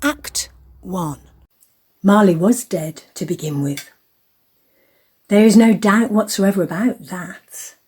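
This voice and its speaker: A woman with a husky, mellow, medium-pitched voice narrates a storybook drama, telling it with deliberate emphasis.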